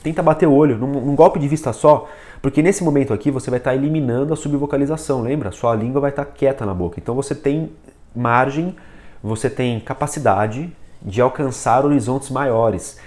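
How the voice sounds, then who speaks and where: A man's voice: medium pitch, fairly quick, darkish tone. A man giving a casual video lesson on reading, talking straight to the viewer and demonstrating with a book and pen. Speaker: reading coach.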